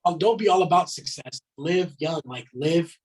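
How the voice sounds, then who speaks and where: A man's voice: a little high, moderate pace, poor audio. A man in his thirties, a podcast guest, talking in a blunt, emphatic way, swearing and filling his talk with "man". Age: 30s. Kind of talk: casual podcast chat.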